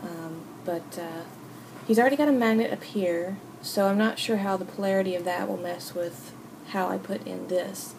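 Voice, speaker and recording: Creaky-voiced woman giving a casual craft tutorial. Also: medium pitch. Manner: informal, halting, thinking aloud. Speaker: hobby video host. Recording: noisy home recording.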